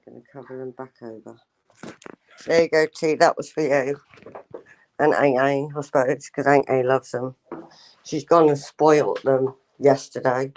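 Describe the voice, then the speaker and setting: A man's voice: medium pitch, steady tone, a little slow, rough recording. A man chatting casually in an informal, self-deprecating way. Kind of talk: casual chat.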